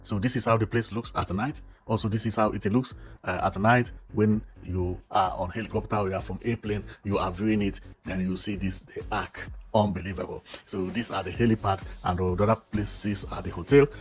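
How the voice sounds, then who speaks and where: A man's voice: fairly low pitch, steady tone, brisk, few pauses. A man narrating a building tour, exclaiming and repeating himself with enthusiasm. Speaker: vlogger.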